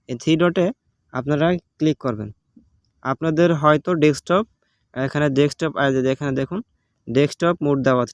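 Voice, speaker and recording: This tutorial host, a man with a Bangladeshi Bengali accent and a somewhat high voice, was recorded on a phone yet sounds clean and studio-like, with no room sound. He guides viewers through an app step by step, casually and patiently, repeating himself with lots of fillers.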